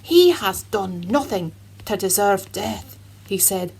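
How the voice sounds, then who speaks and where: A woman voicing a cheerful Scottish man who tells a Bible story to children in an earnest, dramatic way, with a husky voice and a put-on Scottish accent. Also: mid-range voice, animated, takes it slowly, darkish tone, full character voice, rough recording. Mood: solemn.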